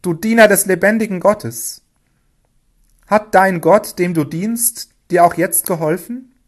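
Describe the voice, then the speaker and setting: Storybook king, loud and declaiming, high-pitched, put on by the male narrator. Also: expressive, slow pace. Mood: anxious calling. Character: ancient male king, proud then anxious.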